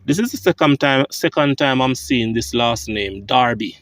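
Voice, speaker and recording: A man with a Jamaican accent, walking through a churchyard cemetery on a vlog, reading grave inscriptions aloud and thinking out loud. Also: mid-range voice, lively intonation, moderate pace. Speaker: vlogger.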